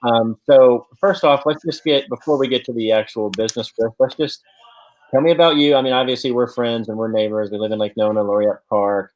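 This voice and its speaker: A man's voice: mid-range voice, fairly even intonation, fairly quick, a little mellow, rough recording. A man hosting a casual local-business interview, upbeat and loose, with many "you know" and "um" fillers. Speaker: host.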